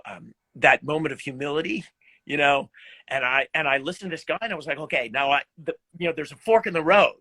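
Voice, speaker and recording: A middle-aged guest musician tells stories in a casual live video chat, laughing often as he goes. His voice is fairly high, animated and free of echo.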